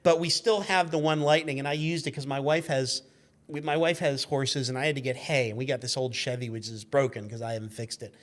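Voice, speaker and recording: Speaking at medium pitch with a steady tone and brisk pace, the fifties-aged car magazine editor keeps things casual as a guest. He wanders through lively stories, playing out each quoted exchange himself.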